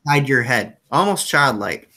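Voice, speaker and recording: A man's voice: medium pitch, animated, normal speed, sharp tone. A man running a tabletop game as game master over a video call, describing scenes loosely with lots of fillers.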